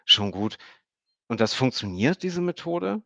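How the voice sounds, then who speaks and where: A man's voice: medium pitch, big pitch swings, a little slow, creaky, bright, forceful tone, no room sound, pitched above the performer's own voice, full character voice. A man voicing an awkward, polite young man who speaks hesitantly and keeps correcting others. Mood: wary.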